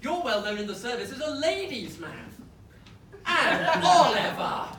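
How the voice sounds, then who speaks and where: A flustered, posh British naval officer, acted by a woman in a live stage farce. He talks in a fussy, nervous way, with a high voice that moves up and down a lot. The sound is distant and roomy. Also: big pitch swings, a little slow, a bit bright, a little hiss or hum, heavily acted. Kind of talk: live stage comedy acting. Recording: echoey stage, picked up from far off.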